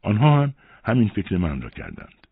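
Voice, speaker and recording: A man narrating a first-person story aloud with an expressive storytelling delivery. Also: fairly low pitch, gravelly, husky, no room sound. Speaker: audiobook narrator. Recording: dry, phone-like narrow sound.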